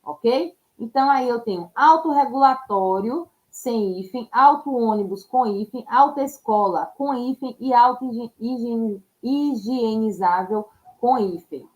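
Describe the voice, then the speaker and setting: A woman teacher walking students through exam questions step by step, often checking in with quick tag questions. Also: on the high side, darkish tone, dull audio. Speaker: Portuguese teacher. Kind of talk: exam-prep lesson.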